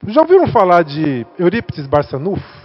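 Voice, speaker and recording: A man's voice: high-pitched, sing-song, moderate pace. Brazilian guy giving a spiritist talk, chatty, muffled lo-fi sound. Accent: Brazilian Portuguese. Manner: conversational, asks the audience questions. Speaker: guest speaker. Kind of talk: spiritist talk to center workers. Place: spiritist center meeting hall. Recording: echoey hall, dull lo-fi sound.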